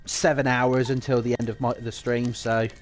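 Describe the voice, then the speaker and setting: A man's voice: mid-range voice, level tone, moderate pace, slight background noise. A young man chatting casually to viewers on a live game stream, rambling and reading out messages as they come in. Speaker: livestreamer. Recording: music playing in the background.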